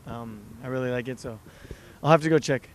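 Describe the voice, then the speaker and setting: A man's voice: medium pitch, brisk. A man from Los Angeles, a soccer player, chatting casually and laughing often in an outdoor interview. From Los Angeles, California. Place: outdoors by a river.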